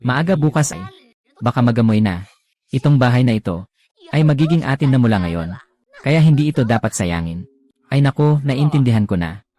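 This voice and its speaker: A man's voice: medium pitch, animated, normal speed, long pauses, warm tone, lightly acted. A man voicing a cruel, scheming middle-aged aunt in a drama recap voice-over, with scornful, mocking speech.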